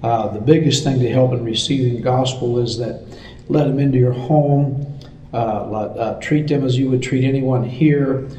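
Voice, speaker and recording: American man, mellow, in an echoey room. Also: mid-range voice, normal speed. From United States. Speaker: missions director being interviewed. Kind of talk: conversational interview answers. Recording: roomy echo, distant mic, faint noise.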